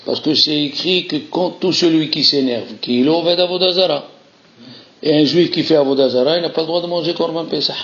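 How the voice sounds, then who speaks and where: Rabbi guy teaching a torah class, fairly high voice, keeps repeating stuff, muffled lo-fi sound. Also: a little fast. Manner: animated, repeats key phrases, mixes Hebrew terms into French. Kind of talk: Torah lesson. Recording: muffled lo-fi recording.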